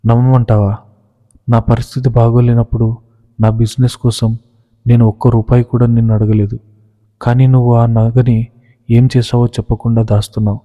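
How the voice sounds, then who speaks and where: A man's voice: mid-range voice, flat delivery, moderate pace, pauses often, warm tone, natural voice. A man voicing a proud young husband who questions his wife with reproach. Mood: reproachful. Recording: reverberant, dull lo-fi recording.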